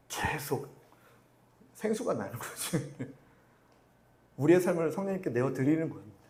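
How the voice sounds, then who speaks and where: A male pastor giving a Sunday sermon at a church service, often laughing and checking for agreement from the congregation. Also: fairly high pitch. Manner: animated, acts out quotes in different voices; laughs often while preaching.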